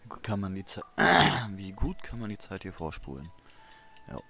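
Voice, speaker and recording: Brief: a deep-voiced male streamer tossing off asides, a bit far from the mic. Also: very animated, moderate pace, vocal fry, pushed and bright, faint music behind. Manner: offhand, muttering asides. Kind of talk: casual gameplay commentary.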